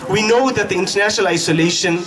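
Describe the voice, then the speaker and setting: A South African man giving a fiery political speech at a protest, speaking in emphatic, deliberate phrases with repetition. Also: sits high, a crowd in the background. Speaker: activist speaker at a protest rally. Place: outdoor protest. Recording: distant mic, noisy outdoor street ambience.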